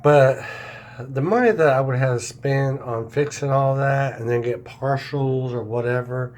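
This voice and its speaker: A man with a mid-range voice keeps an unscripted video diary about his dental recovery, talking casually. He halts and searches for words, his speech affected by new dentures and a swollen mouth.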